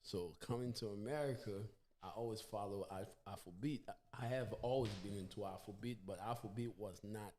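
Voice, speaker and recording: A man's voice: on the low side, brisk, hardly any pauses, a little mellow, a little hiss or hum. A man in his forties from Haiti, an upbeat radio show guest who laughs easily and restarts his words while telling his story. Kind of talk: casual radio interview.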